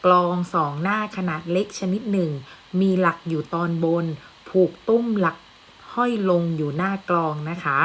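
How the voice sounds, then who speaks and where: A woman teacher giving a children's language lesson, speaking patiently and clearly, repeating words slowly for the pupils. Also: fairly low pitch, fairly bright tone, a little hiss or hum.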